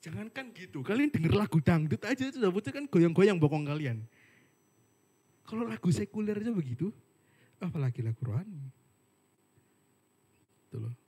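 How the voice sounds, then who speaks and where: A man's voice: high-pitched, dark tone, slightly rough. A young man giving a casual, chatty sermon full of jokey asides and slang. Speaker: worship speaker. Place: online worship service.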